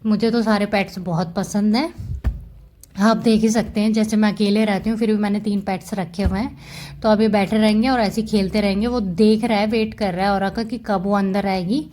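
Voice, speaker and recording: A woman's voice: mid-range voice, darkish tone. A woman giving a casual, chatty voice-over about her pet cats, fond and explaining as she goes. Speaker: cat vlogger.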